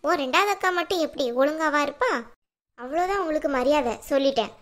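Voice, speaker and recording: A woman voicing a scheming middle-aged mother-in-law in a cartoon, sharp-tongued and prone to dramatic wailing. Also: high-pitched, animated, fast talker. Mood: scolding. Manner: scolding, then wailing dramatically. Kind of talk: cartoon dubbing.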